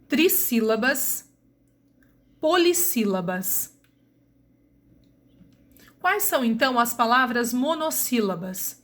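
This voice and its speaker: A woman teacher with a Brazilian Portuguese accent giving a recorded grammar lesson, slowly and deliberately spelling out sounds. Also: fairly high pitch, a bit bright.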